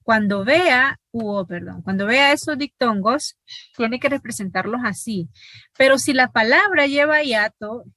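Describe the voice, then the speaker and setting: Bright-voiced woman teaching linguistics. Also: fairly high pitch, expressive, measured pace, dry recording. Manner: explains step by step, often checks with "¿verdad?". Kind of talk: online class lecture.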